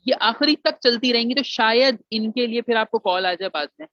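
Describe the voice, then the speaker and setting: A man's voice: very high voice, expressive, fairly quick, sharp tone, no echo. Man, admission advice lecture, English phrases mixed in, lo-fi dull audio. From Pakistan. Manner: mixes English phrases into Urdu, addresses students as "beta". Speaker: engineering alumnus giving admission advice. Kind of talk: informal explanatory lecture. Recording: dry, muffled lo-fi sound.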